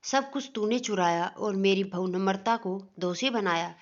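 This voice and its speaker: A woman's voice: medium pitch, moderate pace, lightly acted. A woman voicing a stern middle-aged mother-in-law in a storybook family tale, suspicious and scolding. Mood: accusing. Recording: dull lo-fi recording.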